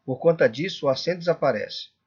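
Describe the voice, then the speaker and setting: A male Portuguese teacher giving a classroom lecture, often checking in with the class and drawing out example words slowly. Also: fairly high pitch, husky, lo-fi sound. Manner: checks in constantly with "correto?" and "tudo bem?".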